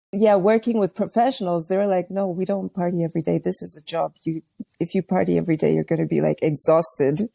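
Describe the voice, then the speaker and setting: A young woman from Tanzania, chatting in a relaxed way as a podcast guest, talking about her music with many fillers. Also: lowish voice, vocal fry, no room sound. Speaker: guest, R&B singer and songwriting coach. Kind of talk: casual chat.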